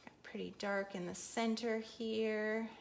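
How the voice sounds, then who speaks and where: A woman hosting a live paint-along, explaining her brushwork in a relaxed, chatty way as she paints. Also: on the high side, slow pace, creaky, slight background noise. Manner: loose, easygoing explanations with frequent "um" and "kinda". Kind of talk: casual live painting demo.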